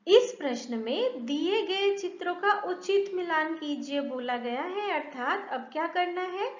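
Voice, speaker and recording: A woman teaching a children's grammar lesson, asking questions and answering them in a slow, sing-song teacherly way. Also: very high voice, lively intonation. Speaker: primary school Hindi teacher. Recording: echoey, slightly dull room sound.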